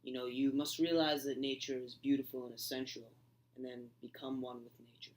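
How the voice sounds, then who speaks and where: A young man playing an earnest old male philosopher in an amateur school skit, talking haltingly with many ums while reciting his lines. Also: mid-range voice, level tone, natural voice, poor audio.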